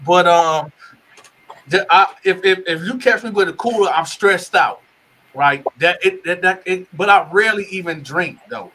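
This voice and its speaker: Man, casual interview storytelling, rambling, repeats himself, bright tone, slightly high voice. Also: moderate pace, slight background noise, low-quality recording. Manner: rambling, restarts and repeats words. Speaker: guest telling his life story.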